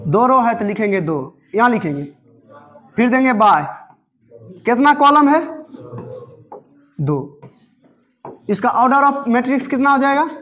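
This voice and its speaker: A man's voice: very high-pitched, expressive, takes it slowly, pauses often, fairly bright tone. A man teaching a maths class, repeating terms word by word and often asking if the students have understood. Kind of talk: slow classroom lecture.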